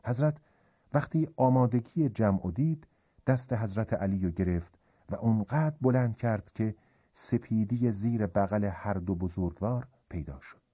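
A man narrating a religious story in a calm, colloquial storytelling manner, in a dull, reverberant recording. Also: lowish voice, breathy edge.

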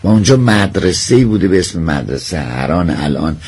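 A man's voice: low voice, very animated, darkish tone, husky. A man, addressed as doctor, explains word origins and folk tales in a hesitant, conversational way with many fillers. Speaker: expert guest.

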